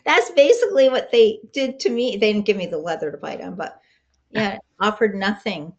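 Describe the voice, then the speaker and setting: A woman's voice: mid-range voice, lively intonation, moderate pace, darkish tone, dull audio. A woman moderating a support group over a video call, chatty and wry, asking the others questions. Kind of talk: casual chat.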